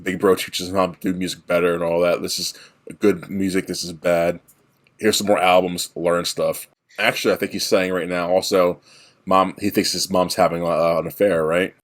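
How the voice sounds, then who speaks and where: A man with a deep voice recaps a movie on a podcast in a loose, rambling way. He drops into quick, playful impressions of the characters as he goes. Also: level tone. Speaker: podcast co-host.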